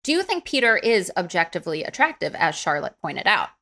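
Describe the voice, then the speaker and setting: A woman's voice: lowish voice, sing-song, a little fast, pushed and bright. A woman co-hosting a podcast, chatting casually with wry, sarcastic quips. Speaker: podcast co-host. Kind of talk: casual chat.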